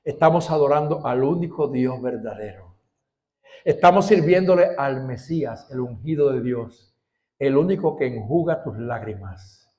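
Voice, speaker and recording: A man with a Puerto Rican Spanish accent preaching a sermon, swinging from loud rising cries to soft, hushed pleas. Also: medium pitch, animated, normal speed, lo-fi sound. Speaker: pastor.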